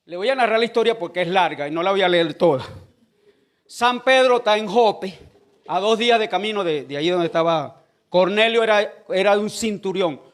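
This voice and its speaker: High-voiced pastor preaching. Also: male voice, moderate pace. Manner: retells scripture conversationally, asks the congregation questions. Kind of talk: sermon.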